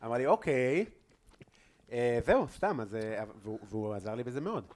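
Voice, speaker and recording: A man hosting a casual podcast chat, relaxed and hesitant with fillers. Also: medium pitch. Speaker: podcast host and cook.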